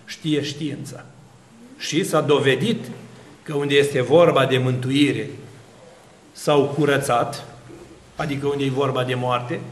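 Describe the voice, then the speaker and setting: Man, priest, lively sermon, rhetorical questions, fairly high pitch, roomy echo. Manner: animated preaching with rhetorical questions and long lists. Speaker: Orthodox priest.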